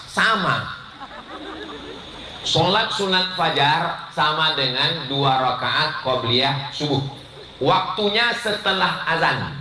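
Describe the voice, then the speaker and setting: A man's voice: on the high side, sharp tone, a little hiss or hum. A middle-aged man preaching a live sermon, playful and joking, acting out little scenes and quizzing his congregation. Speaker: Islamic preacher. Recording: roomy hall reverb.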